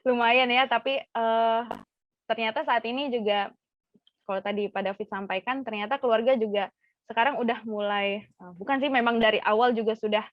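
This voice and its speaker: A woman's voice: fairly high pitch, steady tone, moderate pace, dry recording. A woman hosting a casual podcast interview, chatty with many fillers and affirming murmurs. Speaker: podcast host. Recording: dull dry lo-fi sound.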